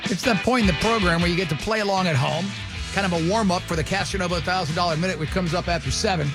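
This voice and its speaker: A male radio host with a fairly high voice, talking in loose, joking morning-show banter. He often trips over his words and restarts, with faint music under him. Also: fast.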